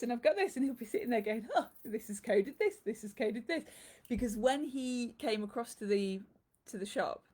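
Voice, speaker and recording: A woman's voice: lowish voice, a little mellow. Chatty woman hosting a live stream. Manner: chatty and effusive, greets viewers by name. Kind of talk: casual live-stream chat.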